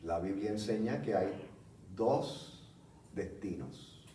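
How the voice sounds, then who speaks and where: A man preaching a teaching sermon, explaining slowly and checking in with his listeners. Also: fairly low pitch, expressive, mellow. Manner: slow, explanatory, frequent "¿ok?" check-ins. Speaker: pastor. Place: church hall. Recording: echoey room from a distance, faint background noise.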